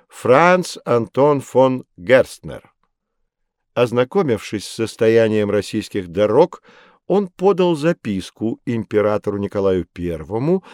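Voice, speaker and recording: This scripted educational audiobook features a middle-aged man with a fairly low voice portraying an expert who explains history to kids. He stays calm, patient, and measured, recorded dry at studio quality through a studio microphone.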